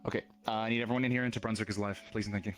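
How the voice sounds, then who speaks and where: Lower-voiced man giving halting instructions. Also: steady tone, a bit bright, faint music behind. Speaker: session organizer. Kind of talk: casual voice chat.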